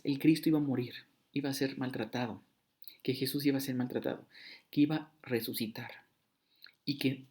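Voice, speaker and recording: Male preacher, mid-range voice, casual teaching delivery, dramatizes dialogue. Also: mid-range voice. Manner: conversational, acts out short dialogues with shifting voice and loudness. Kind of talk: casual Bible teaching sermon.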